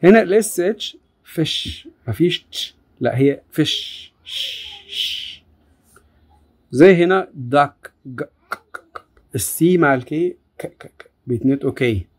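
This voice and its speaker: A woman with an Egyptian Arabic accent teaching an English phonics lesson to children, repeating each example word slowly. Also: low-pitched, expressive, darkish tone, husky. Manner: slow, drawn-out word repetition.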